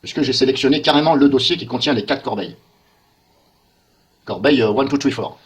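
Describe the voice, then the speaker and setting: A software tester records his screen and narrates a walkthrough, thinking aloud and muttering in puzzlement as he clicks through menus. His voice sits at medium pitch and moves fairly quickly.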